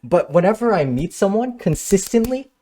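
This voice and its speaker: A man's voice: high-pitched, sing-song, moderate pace, dark tone. A man streaming live, talking casually and candidly to his chat, swearing now and then and answering comments as he goes. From Michigan, United States. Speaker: livestreamer. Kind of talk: casual livestream talk to chat.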